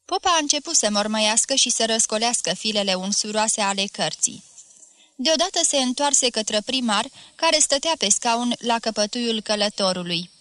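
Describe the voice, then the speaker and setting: A woman reads a classic story aloud in a steady, measured way. Her voice is bright and a little high, recorded close in a dry room. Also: dry recording. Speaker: narrator.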